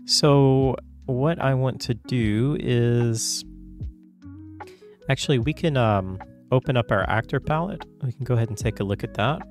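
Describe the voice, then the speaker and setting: A man getting over a cold, coughing now and then, talking through a casual software tutorial in a loose, chatty way full of fillers and self-corrections. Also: mid-range voice, measured pace, soft background music. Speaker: tutorial host.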